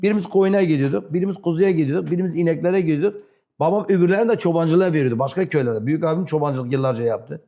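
A man with a fairly high, soft-toned voice recounts his memories in an interview. His Turkish is broken and carries a southeastern accent. He halts, repeats phrases and acts out bits of dialogue as he goes. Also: racing. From rural southeastern Turkey. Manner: broken, non-fluent Turkish. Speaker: interview guest. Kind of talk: animated personal storytelling.

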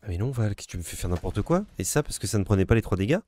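A man co-hosts a card game video, chatting casually, teasing his partner and thinking aloud as he plays. His voice is fairly low and warm, with lively intonation and a racing pace.

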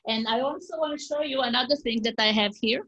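A woman teacher tells a teaching story from home in a warm, informal way. Her talk is loose, with small slips and restarts. The sound comes through a video call. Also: on the high side, fast talker, dull audio.

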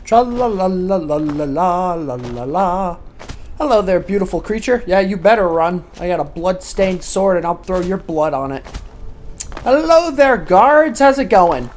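A woman hosting a let's play, cursing and yelling in exasperation at the game's characters. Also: lowish voice, slight background noise. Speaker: gaming video host.

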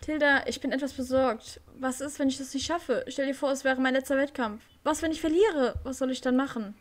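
A woman's voice: high voice, brisk, pitched above the performer's own voice, lightly acted. A woman voicing Ricky, a nervous young male rider in a horse game, reading his lines aloud with small slips.

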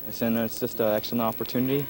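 A man's voice: medium pitch, little pitch movement, rapid-fire, darkish tone, a little hiss or hum, poor audio. A young man, an incoming cadet from the United States, answering briefly and hesitantly. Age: young adult. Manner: hesitant, with fillers. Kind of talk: short interview.

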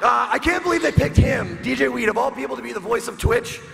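Guy roasting his buddies on stage, high gravelly voice, big echoey hall. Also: lively intonation, fast talker, a bit bright, soft background music. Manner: mocking punchlines, laughing at own jokes. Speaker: roast comedian. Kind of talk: live comedy roast on stage. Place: large convention hall with live crowd. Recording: echoey hall, noisy crowd.

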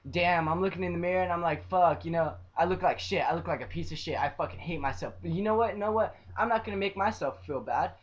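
A young man ranting in a profane vlog, swearing nonstop and repeating himself as he swings between loud outbursts and low mutters. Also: quick pace, hardly any pauses, highs cut off. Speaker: vlogger.

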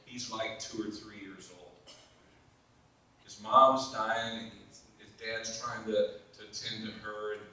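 A man preaching a sermon as pastor, telling a story and moving from hushed tones to loud exclamations. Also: fairly low pitch, level tone, slow. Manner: storytelling, swings from hushed to shouting. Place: church sanctuary. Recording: echoey church from far off.

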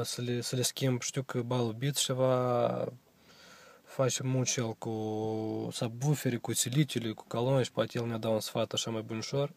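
A man's voice: medium pitch, vocal fry. A young man with a Moldovan accent, filming a casual car walkthrough vlog on his phone inside a parked car, talking in a rambling, hesitant way with many fillers. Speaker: vlogger. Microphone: handheld phone camera.

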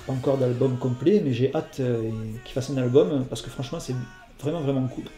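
Guy answering viewer questions, dark mellow voice, lots of ums and sorrys, echoey room, faint music behind. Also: mid-range voice, a little fast. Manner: hesitant, apologetic, lots of fillers. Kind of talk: casual FAQ video chat.

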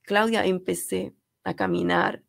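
A middle-aged Panamanian woman with a Panamanian Spanish accent is a guest in a radio studio interview, earnest and emphatic, often repeating a phrase for emphasis. Her lowish voice has a gravelly, fry-touched edge and a sing-song lilt, and she speaks a little slowly. The sound is close and dry with no room around it.

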